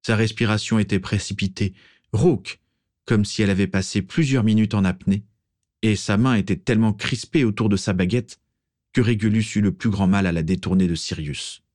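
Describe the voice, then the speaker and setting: A man narrating a story as an audiobook, steady and expressive. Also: on the low side, moderate pace, dry recording, studio quality.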